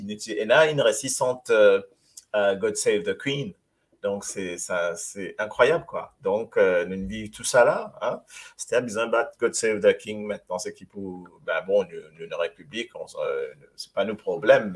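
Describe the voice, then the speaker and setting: A man with a Mauritian accent hosting a casual radio talk show, talking in a halting way and often repeating words. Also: fairly low pitch. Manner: halting, repeats words, mixes Creole and French. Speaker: radio host.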